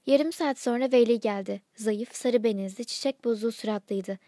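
A woman reading a literary short story aloud in calm, measured narration. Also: fairly high pitch, no room sound, clean studio sound.

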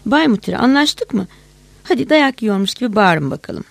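A woman voicing a frustrated male policeman who pleads and then shouts angrily. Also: on the high side, sing-song, normal speed, creaky, no room sound, heavily acted. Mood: coaxing. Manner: wheedling, then shouting curses.

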